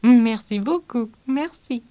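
A woman's voice: a little high, slow, mellow, dry recording. A woman voicing a cheerful, absent-minded old male professor in a children's storybook reading, with an eager, exclaiming manner.

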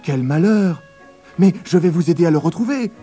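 A man voicing Jack, a lively young boy in a storybook reading, with a bright, eager voice. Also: fairly high pitch, normal speed, soft background music, voice pushed up, lightly acted.

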